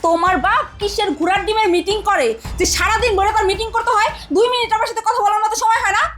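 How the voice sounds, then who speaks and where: A woman acting a hot-tempered young wife in a TV family drama, her voice very high and her words tumbling out fast. She demands and scolds without letting up, with soft music playing underneath. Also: steady tone. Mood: furious.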